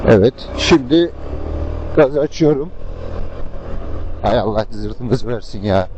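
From inside his helmet on a scooter in traffic, a motovlogger talks to viewers in a casual, rambling, colloquial way. His medium-pitched voice is expressive yet unhurried. The helmet mic muffles him, and heavy engine, road and traffic noise runs throughout.

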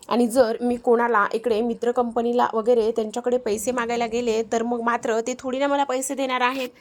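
A woman's voice: on the high side, darkish tone. A woman recapping a television serial episode, telling the scenes and reading out the characters' lines in her own voice. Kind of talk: storytelling recap with quoted dialogue.

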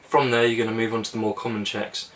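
The speaker, a young sailing vlogger, talks quickly in a voice on the low side while casually going over boat engine checks in a small cabin. He sits far from the mic, working through each step in a relaxed, practical way with fillers.

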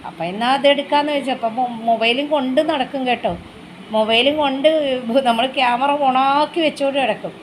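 A chatty woman talks straight to her viewers in a home phone video, and her voice sits high. Now and then she turns to coax her pet dog. A steady hum of household noise runs underneath. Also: fairly quick, low-quality recording. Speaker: vlogger. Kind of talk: casual home vlog chat. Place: family home indoors. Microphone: phone camera.

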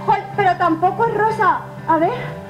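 A woman's voice: very high-pitched, normal speed. A young woman doing playful stage patter as a magician, coaxing the audience and repeating her words. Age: young adult. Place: care home common room, indoors. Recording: echoey room with music behind.

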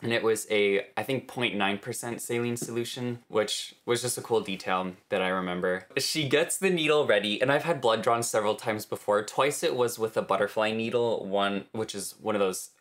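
A young man with a fairly low voice tells a personal story in a casual vlog style. He is chatty and slips into quoting other people as he recounts things, recorded in a small bedroom. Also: normal speed, hardly any pauses, fairly bright tone. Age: young adult. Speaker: vlogger.

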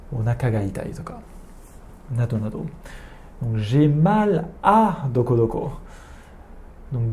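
A man gives an online French lesson, going through useful phrases one at a time. He speaks at an unhurried, measured pace and says each French word twice so learners can catch it. His voice is deep, dark and mellow. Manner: slow and deliberate, repeating French words carefully for learners. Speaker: French teacher.

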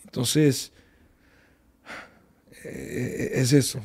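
Gravelly-voiced pastor telling a testimony. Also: male voice, mid-range voice, fairly even intonation, a little mellow. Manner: unhurried storytelling with many fillers and repetitions. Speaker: pastor, radio guest. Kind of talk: testimony in a radio interview.

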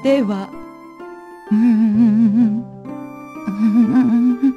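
A mysterious fortune teller in a video game. She speaks very slowly and formally, with measured politeness. Music plays behind her. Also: on the high side, steady tone, lo-fi sound. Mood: mysterious, composed. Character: mysterious female fortune teller in a dim parlor.

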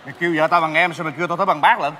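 A man's voice: fairly high pitch, steady tone, rapid-fire, noisy background, natural voice. An actor playing a remorseful, clownish aging husband, melodramatically begging his wife to forgive him. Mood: pleading. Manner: pleading, melodramatic, half-sung. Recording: live stage, music and audience.

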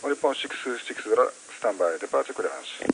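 Very fast, clipped Japanese tower controller man. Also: medium pitch, big pitch swings, vocal fry. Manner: clipped, formulaic. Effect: aviation radio. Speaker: airport tower air traffic controller. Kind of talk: air traffic radio phraseology. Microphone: radio transmitter picked up on a receiver. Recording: radio transmission with light noise and clicks.

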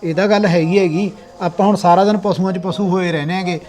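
An actor playing an earnest farmer elder brother who talks plainly and reassuringly. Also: male voice, sits high, fairly even intonation, quick pace, a little mellow, natural voice. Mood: planning. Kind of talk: village family drama acting.

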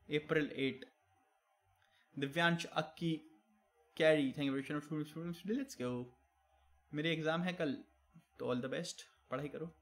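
A young male game streamer with a slightly high-pitched voice, reading the chat out loud. He ribs viewers with casual, joking banter and drops English catchphrases between his sentences. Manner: teasing banter while reading chat aloud; mixes English catchphrases into Hindi.

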